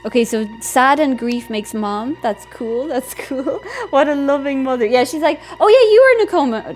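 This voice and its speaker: A woman with a high, light voice talks through a story game on stream. She laughs a lot and breaks into excited squeals. Soft game music plays quietly behind her. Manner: giggly, excitable, often squeals; reads game text aloud. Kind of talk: casual gameplay commentary.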